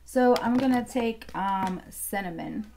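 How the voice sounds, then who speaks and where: A woman in her thirties talks her way through a makeup look, musing aloud and hedging between shades in an easy, rambling way. Her voice sits in a medium pitch. A faint hiss and some clicks run under the recording. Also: measured pace, darkish tone. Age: 30s. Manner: rambling, thinking aloud, filler-heavy. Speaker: beauty vlogger. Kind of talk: casual makeup tutorial chat.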